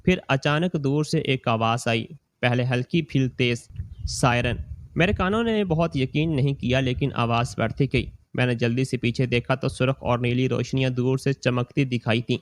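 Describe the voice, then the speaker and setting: A man reading a scripted moral story in the first person, slow and steady. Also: medium pitch, dry recording.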